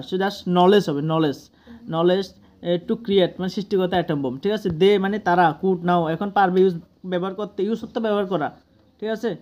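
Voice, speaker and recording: A teacher with a Bangladeshi accent, explaining an English text slowly, word by word, and often checking with the class. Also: mid-range voice, darkish tone. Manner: explains each word slowly, often asks "ঠিক আছে?".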